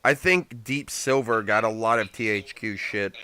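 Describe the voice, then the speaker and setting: A man's voice: lowish voice, normal speed, a crowd in the background. A young man hosting a casual podcast chat, opinionated and swearing casually. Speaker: podcast host.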